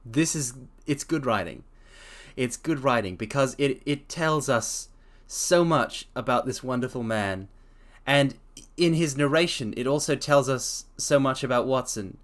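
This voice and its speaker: Streaming a dramatic reading of a story, this man keeps stopping to chat with excitement, frequently stumbling over words and starting sentences over. His pitch is mid-range.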